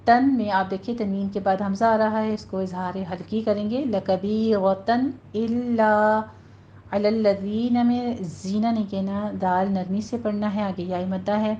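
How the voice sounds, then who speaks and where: A woman with a Pakistani Urdu accent teaching Quran recitation, patiently explaining each sound step by step and modeling it slowly. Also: mid-range voice, fairly even intonation, dark tone. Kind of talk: recorded tajweed lesson. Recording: muffled lo-fi recording with faint hiss.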